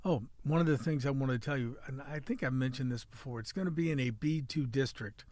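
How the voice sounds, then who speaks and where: A man's voice: medium pitch, fast talker, darkish tone, dry recording. Joking midwestern guy rambling on his podcast, dry close mic. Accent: Midwestern American. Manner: joking, chatty, rambling with restarts. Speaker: podcast host and city editor. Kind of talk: casual podcast chat and news rundown.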